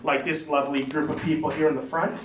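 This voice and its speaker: A man's voice: on the high side, level tone, fast, a bit bright. An American man doing a stand-up comedy set in a club, rambling and self-mocking with lots of fillers and restarts. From United States. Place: comedy club stage, live audience. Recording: roomy, distant mic, crowd noise.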